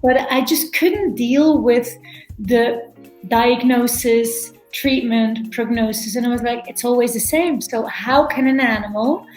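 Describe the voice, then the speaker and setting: A middle-aged Belgian veterinarian and animal chiropractor is a guest in a casual interview, speaking a little slowly in a fairly high voice with a darkish tone. She often repeats words and restarts. The room is echoey, with faint music in the background.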